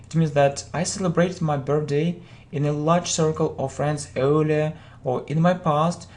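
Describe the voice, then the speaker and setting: English teacher explaining phrases slowly. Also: mid-range voice, steady tone, a little mellow. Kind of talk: spoken vocabulary and grammar lesson.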